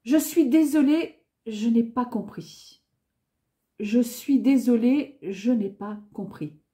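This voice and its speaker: A woman teaches beginner French slowly, saying each phrase two times. Though high-pitched, her voice is gentle and mellow, and her delivery is careful and clear, like that of a patient teacher.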